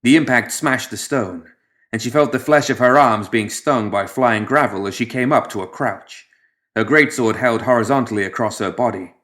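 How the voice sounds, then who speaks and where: Reading fiction for an audiobook, this male narrator speaks at a medium pitch with a deliberate, dramatic delivery. His phrases trail off more softly as they close.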